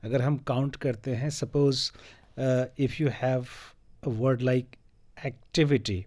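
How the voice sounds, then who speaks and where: Slow, deliberate male teacher. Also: medium pitch, little pitch movement, mellow, dry recording. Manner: slow, deliberate, spells out letters and syllables. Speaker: English language teacher. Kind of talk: educational lesson, mixing Hindi and English.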